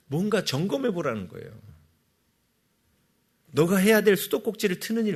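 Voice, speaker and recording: Lively, animated male pastor preaching. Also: sits high, husky. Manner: animated, asks the congregation questions and answers them himself. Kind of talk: sermon.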